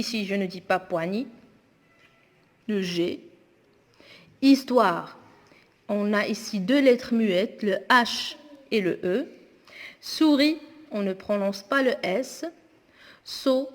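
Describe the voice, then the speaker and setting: A woman teacher going through homework exercises aloud, slowly and deliberately spelling words out. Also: mid-range voice. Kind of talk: spoken homework correction lesson. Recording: long echoing reverb.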